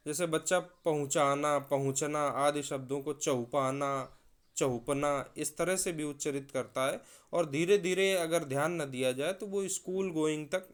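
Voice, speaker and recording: Man with a clear teaching voice. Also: a little high. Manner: explains with spoken examples, stretching and stressing words. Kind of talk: recorded video lecture.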